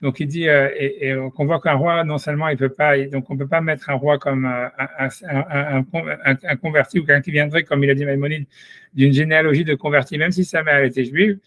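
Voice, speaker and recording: A man gives a relaxed Talmud lesson, his slightly raised voice picked up close and dry. He works things out as he goes, stopping and restarting his sentences. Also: on the high side, no room sound. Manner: halting, thinking aloud with many restarts. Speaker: Torah study teacher.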